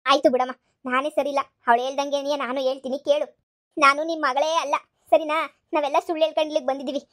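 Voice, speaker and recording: Woman voicing a pleading young schemer daughter, quick high voice, cartoon. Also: flat delivery, fairly bright tone. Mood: complaining. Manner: pleading, tearful. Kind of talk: cartoon voice acting.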